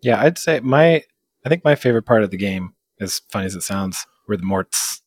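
A man's voice: on the low side, expressive, brisk, no room sound, studio quality. Man co-hosting a gaming chat. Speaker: podcast co-host. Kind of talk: casual chat.

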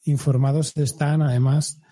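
Spanish man with a very dark, husky voice. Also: fairly high pitch, level tone, moderate pace. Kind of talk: casual podcast chat.

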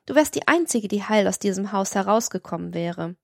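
An anxious young woman voiced by a woman reading urges her friend in an earnest, hurried way. The tone is mid-pitched and recorded dry, as in an audiobook. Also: lively intonation, creaky, no room sound. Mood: urgent. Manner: urgent, earnest warning.

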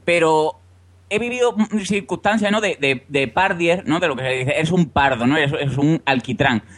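A man from Seville co-hosting a podcast over a video call, rambling with halting restarts and dramatic quotes. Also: fairly high pitch, a bit bright. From Seville, Spain. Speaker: podcast co-host. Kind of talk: casual podcast chat.

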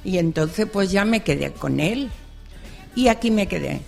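A senior university student from Extremadura, Spain, this older woman stands up from the audience at a public event to share her story through a passed-around handheld mic. Her mid-range voice is expressive, a little slow, creaky and darkish, and she earnestly repeats phrases in a chatty manner. The hall adds reverb, with faint music in the background.

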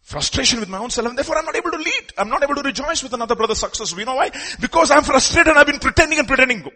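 A man with an Indian accent and a husky voice preaching a sermon emphatically, repeating phrases and posing rhetorical questions. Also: very high voice, expressive, rapid-fire, pushed and bright.

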